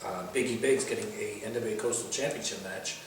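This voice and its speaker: A man's voice: fairly low pitch, brisk. A man in a casual interview giving detailed previews like an announcer, rattling off titles and credentials. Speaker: wrestling pundit previewing shows. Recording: very echoey room, distant mic, faint noise.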